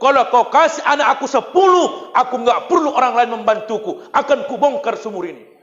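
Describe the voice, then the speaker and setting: A man's voice: very high voice, lively intonation, a little fast, a bit bright, voice pushed up. A man voicing a grieving elderly patriarch who pleads with God in tears. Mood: pleading. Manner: tearful, pleading. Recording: muffled echoey mosque hall.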